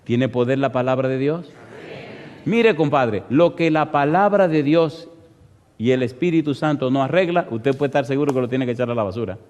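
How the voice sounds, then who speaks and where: A man's voice: mid-range voice, moderate pace, a little mellow, big-room sound, lo-fi sound. A male pastor preaching a sermon, telling a story with emphasis and firing rhetorical questions at the congregation.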